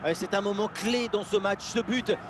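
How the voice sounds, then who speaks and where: A man playing an excited football play-by-play commentator, calling names in clipped bursts and surging on big plays. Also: high-pitched, moderate pace, background noise, natural voice. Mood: keen, engaged.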